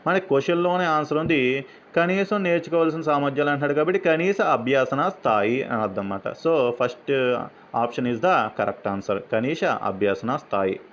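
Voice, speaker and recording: A man's voice: fairly high pitch, a little fast. Man explaining exam questions. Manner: explains step by step, asks and answers his own questions. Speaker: teacher. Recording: slightly dull, faint background noise.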